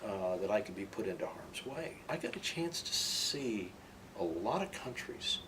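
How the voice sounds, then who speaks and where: An older man, a military veteran, remembering his past in an interview in an opinionated, emphatic way. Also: lowish voice. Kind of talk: reminiscing in an interview. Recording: distant microphone, clearly noisy room.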